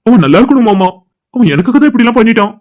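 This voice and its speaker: A man plays a devoted young man in an animated family drama, pleading with his father-in-law. The voice sits very high and races along. His delivery stays earnest and heartfelt. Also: rapid-fire. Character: young man, anxious, devoted loyal friend. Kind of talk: cartoon voice acting.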